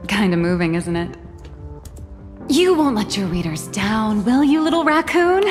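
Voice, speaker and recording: Actress as a lilting, playful young writer. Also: female voice, medium pitch, natural voice. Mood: teasing, fond. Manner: teasing, breezy, drawn-out phrases. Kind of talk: video game character acting. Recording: reverberant with faint music.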